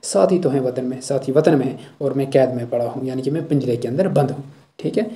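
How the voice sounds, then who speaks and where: A man with a very dark, mellow voice teaches a school poem line by line. He recites each verse slowly, then breaks it down in plain explanation, often checking in with "thik hai". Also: medium pitch. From Jammu and Kashmir.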